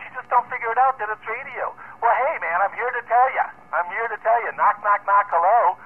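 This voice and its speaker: Angry ham radio man, husky and fairly high, mocking and repetitive, phone-thin radio sound. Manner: ranting, repetitive, taunting. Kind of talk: heated radio argument. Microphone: handheld radio transceiver. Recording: tinny two-way radio audio.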